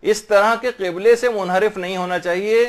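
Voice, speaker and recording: A man giving a religious lesson on prayer, patiently explaining and slowly drawing out Arabic phrases to show correct pronunciation. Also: high-pitched, fairly even intonation. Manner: slow drawn-out demonstrations of Arabic pronunciation. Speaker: religious teacher.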